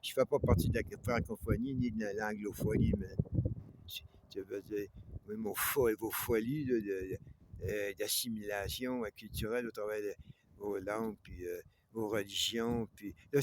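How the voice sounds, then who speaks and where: A man's voice: lowish voice, steady tone, normal speed. A man with a Québécois French accent in a heated, confrontational monologue, constantly jabbing at an unseen "you" and tagging lines with "man". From North America. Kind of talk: ranting monologue. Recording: noisy clicking background.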